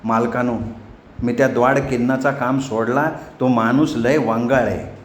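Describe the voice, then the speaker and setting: A man voicing a humble, poor male herder who pleads slowly in rustic village speech, in an echoey room. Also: mid-range voice, fairly even intonation, close to an everyday voice. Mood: pleading. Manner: pleading, slow, rustic dialect. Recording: echoey room, faint noise.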